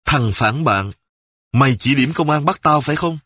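A man voicing a hot-tempered street thug who shouts accusations. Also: medium pitch, expressive, unhurried, slightly rough, no room sound, studio quality. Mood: angry. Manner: angry, shouting.

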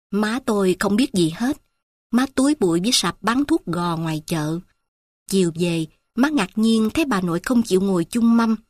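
Woman storyteller, mid-pitched, reading slowly and reflectively in a dry booth. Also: a little mellow, dry recording. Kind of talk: literary story narration.

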